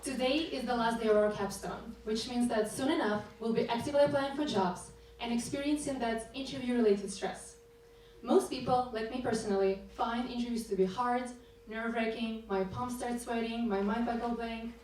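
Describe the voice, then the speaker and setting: A woman's voice: a little high, fairly even intonation, normal speed, a little mellow. Woman presenting in an echoey hall. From Russia. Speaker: presenting developer. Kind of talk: scripted demo presentation. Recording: echoey hall mic from a distance, faint hum.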